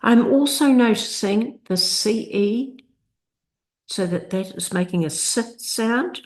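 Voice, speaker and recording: A woman teaching literacy, narrating a lesson that breaks long words into parts and sounds out each piece with care. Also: fairly high pitch. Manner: slow, deliberate, sounds out word parts. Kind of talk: instructional screencast narration.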